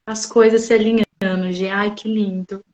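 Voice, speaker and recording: A woman's voice: mid-range voice, moderate pace, highs cut off. Chatty Brazilian woman hosting a podcast. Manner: expressive and chatty, laughing often. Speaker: podcast host. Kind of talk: casual podcast interview.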